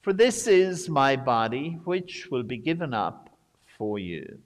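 A priest leading the prayers of Mass, intoning slowly and steadily as a cathedral echo trails after his words. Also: medium pitch, big pitch swings, a little hiss or hum. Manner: slow, measured intoning. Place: large church. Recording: long church reverb.

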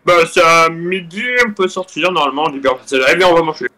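A man with a bright, sharp voice pitched a little high, playing along in a live game role-play. He stumbles through his lines with plenty of fillers. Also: fast talker. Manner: hesitant, many fillers.

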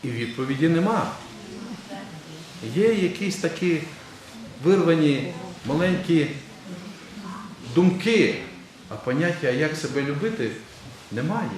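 Preaching bishop in a very echoey church. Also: male voice, on the high side, lively intonation, measured pace, pauses often, a little mellow. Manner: conversational preaching, quizzing the congregation. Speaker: Orthodox metropolitan bishop. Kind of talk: sermon. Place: large church. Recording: very echoey church with faint ambient noise.

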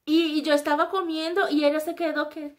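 Filming a casual vlog in a small room with a flag behind her, this young woman from Brazil talks in Spanish colored by a Brazilian Portuguese accent. Her voice is high and brisk. She's chatty and pokes fun at herself, pulling animated faces and gesturing as she talks to the camera.

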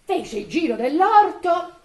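A woman reading a folk tale aloud at a live evening event, expressive with laughing asides. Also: very high voice, slow. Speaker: storyteller. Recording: echoey room.

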